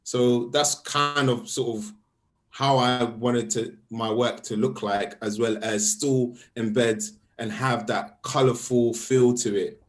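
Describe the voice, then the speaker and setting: A young man from Sweden, a guest artist talking about his work in a casual interview, halting and repeating words as he explains. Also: medium pitch, fairly even intonation, faint music behind.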